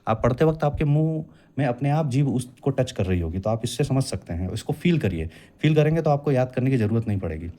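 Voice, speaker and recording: A man's voice: mid-range voice, expressive, fairly quick, mellow. A young man teaching a classroom lecture as an exam coaching teacher, patiently explaining and drawing out sounds to demonstrate them.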